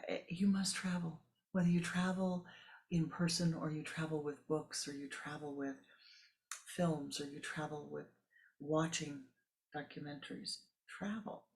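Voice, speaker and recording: A man with a fairly high voice delivers a sermon as a spiritual teacher, speaking flatly, a little slowly, and with vocal fry. He muses aloud in asides and repeats words for emphasis.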